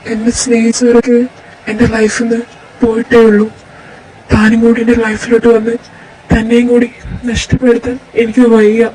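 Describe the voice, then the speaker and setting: A woman voicing a gentle, sorrowful young man in a fan fiction audio story, speaking softly and with resignation. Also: fairly high pitch, monotone, normal speed, pauses often, voice pushed down, natural voice, rough recording. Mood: sad, resigned.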